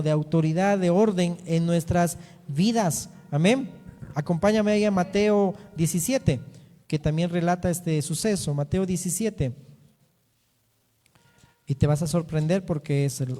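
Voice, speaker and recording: A man's voice: high voice, dark tone. A man preaching a sermon as pastor, explaining scripture and asking rhetorical questions. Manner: teaching, reading and explaining scripture; asks rhetorical questions, often ending with "¿no?". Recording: reverberant hall sound.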